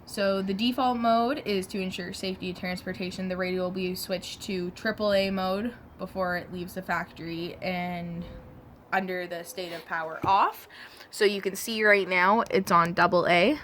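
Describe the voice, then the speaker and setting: A woman with a fairly low, fairly bright voice speaks at a moderate pace with fairly even intonation, over slight background noise. She reviews a product in a casual, talkative hands-on demo, amending her words as she goes.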